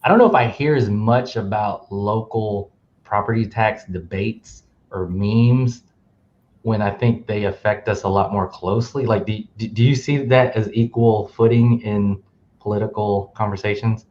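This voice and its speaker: A man's voice: on the low side, moderate pace, darkish tone, lo-fi sound. A man co-hosting a casual talk, laughing often and peppering his speech with "like". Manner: laughs often, uses filler "like". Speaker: podcast co-host.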